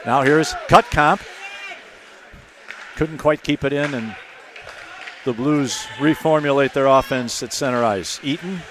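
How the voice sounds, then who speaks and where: A man giving hockey play-by-play commentary, keeping a steady call that jumps to shouts on shots and goals. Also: mid-range voice, unhurried, long pauses, slight background noise. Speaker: play-by-play announcer.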